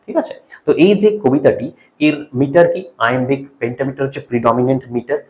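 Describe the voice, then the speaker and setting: A man with a Bengali accent giving an exam-prep literature lecture, explaining a poem step by step. He checks in often with "okay?" and slows right down to spell out key English terms. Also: mid-range voice, darkish tone. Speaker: literature teacher.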